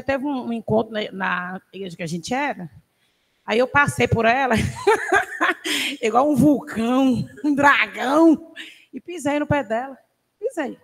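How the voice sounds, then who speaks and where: A woman sharing a lively personal testimony in a church Bible class, laughing often as she tells it. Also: high voice. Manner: animated storytelling, laughs often. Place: church hall. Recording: reverberant church hall.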